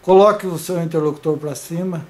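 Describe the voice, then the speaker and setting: A man's voice: on the high side, fairly even intonation, fairly quick, a little mellow. A man giving an informal video lesson, hesitant, with many repeated fillers and restarts.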